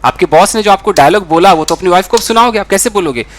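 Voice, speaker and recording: Lively high-voiced man teaching English. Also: fast talker, a little hiss or hum. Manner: animated, acts out quoted dialogue. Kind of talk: spoken English lesson.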